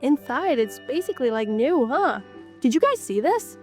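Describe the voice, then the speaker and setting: A woman's high, sing-song voice, a little mellow and at a moderate pace, carries this casual guided tour of an abandoned house. She is an urban explorer vlogger with a cold-congested nose who chats along and often marvels aloud. Soft background music plays.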